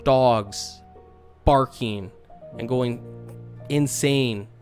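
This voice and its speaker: A man's voice: mid-range voice, drawn-out words, faint music behind. A man running a tabletop game as game master, talking casually and hesitantly, with many fillers and restarts as he describes scenes.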